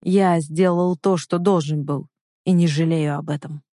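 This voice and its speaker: A woman voicing a calm, cold traitor henchman. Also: sits low, unhurried, dry recording, studio quality. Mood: calm coldness.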